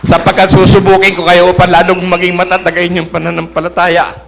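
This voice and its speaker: A man's voice: sits high, completely flat delivery, quick pace, creaky. A middle-aged man from the Philippines giving an earnest church testimony, addressing the congregation as brothers and sisters.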